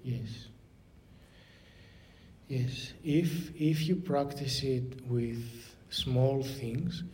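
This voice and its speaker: Mellow man with a Greek accent. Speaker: senior clergyman answering questions. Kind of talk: spiritual talk answering audience questions. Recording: noisy room with low rumble.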